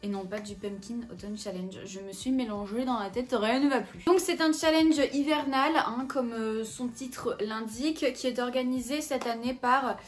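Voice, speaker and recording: A woman's voice: on the high side, moderate pace, few pauses. A young woman with a French accent, chatting casually at home about the books she plans to read, with many fillers and self-corrections. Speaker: book vlogger. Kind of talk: casual chat. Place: at home in front of her bookshelves.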